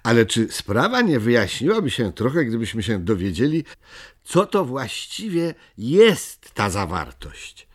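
A man's voice: medium pitch, wildly swooping pitch, a little slow, pitched above the performer's own voice. A man voicing a hesitant, polite male creature witness who asks questions in a storybook reading. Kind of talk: storybook character voice.

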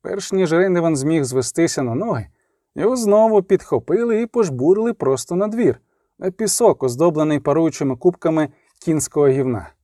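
Man, dramatic audiobook narrator, animated high-ish voice, dry close recording. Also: a little fast, no echo. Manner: lively, dramatic reading.

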